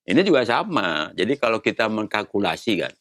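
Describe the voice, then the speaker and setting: A man's voice: on the low side, sing-song, brisk, a bit bright, no echo. A man in his sixties, a retired navy admiral, explaining patiently in a casual interview and posing rhetorical questions. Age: 60s.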